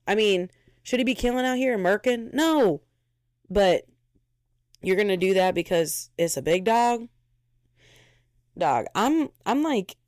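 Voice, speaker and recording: Low-voiced, cussing American woman venting. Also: a little mellow, no echo, studio quality. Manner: profane, blunt, venting. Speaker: podcast host. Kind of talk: casual solo podcast monologue. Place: her bedroom.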